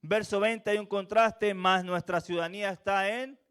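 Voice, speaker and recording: This man's voice sits high, clear and resonant, a bit bright, with fairly even intonation and normal speed. He comes from Venezuela, and a slight Chilean tinge colors his Venezuelan accent. His church sermon relies on earnest repetition and rhetorical questions.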